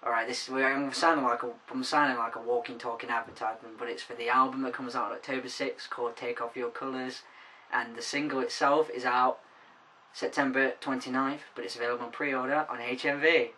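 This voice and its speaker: Bright-toned guy rambling jokingly. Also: medium pitch, flat delivery, brisk, distant mic, a little hiss or hum, rough recording. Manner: silly, rambling, jokey. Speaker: vlogger. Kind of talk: casual comedic chat.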